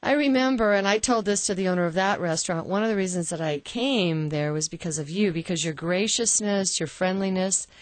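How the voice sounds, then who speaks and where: A woman's voice: on the low side, a little fast, hardly any pauses, dry recording. Woman, radio host, effusive, chatty, dry studio sound. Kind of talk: radio interview.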